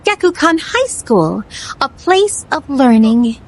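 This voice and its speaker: A woman's voice: sits high, big pitch swings, takes it slowly, exaggerated voice, low-quality recording. A woman voicing a poised, curious and naive otherworldly attendant in a video game, speaking in formal, flowery and overly polite phrases. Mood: politely fascinated. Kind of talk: scripted video game dialogue.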